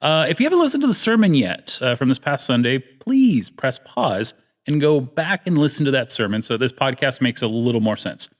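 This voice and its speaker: A man's voice: mid-range voice, sing-song, brisk, hardly any pauses. A man hosting a casual church podcast, jokey and playful, often laughing. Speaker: podcast host.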